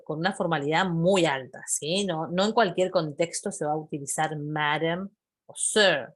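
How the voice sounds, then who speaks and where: A woman teaching English vocabulary, patiently repeating phrases and checking in with her students. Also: sits low. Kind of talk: explaining vocabulary to a class.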